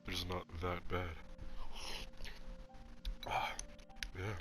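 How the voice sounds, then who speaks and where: A young man with a very low voice chats through a meal, sniffling and slurping noodles between sentences. Music plays clearly behind him. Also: fairly even intonation, normal speed, bright, forceful tone. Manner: chatty, talks while eating and slurping noodles. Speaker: podcast host. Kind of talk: casual mukbang chat.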